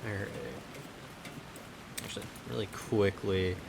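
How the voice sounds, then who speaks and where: A man's voice: fairly low pitch, steady tone, unhurried, gravelly, background noise. A man hosting a casual gameplay chat, rambling and muttering to himself as he plays. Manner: chatty, rambling, mutters to himself while playing. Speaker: let's play host.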